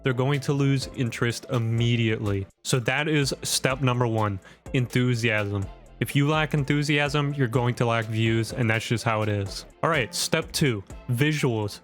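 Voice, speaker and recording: Male online video host, medium pitch, wired and over-caffeinated, punchy emphatic tutorial delivery, faint music underneath. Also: a little slow. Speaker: YouTube content creator and host. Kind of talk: direct-to-camera tutorial, scripted vlog. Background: background music.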